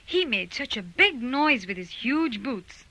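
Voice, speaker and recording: A woman narrating a children's storybook recording with lively, expressive storytelling. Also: a little high, a little slow, soft background music, low-quality recording.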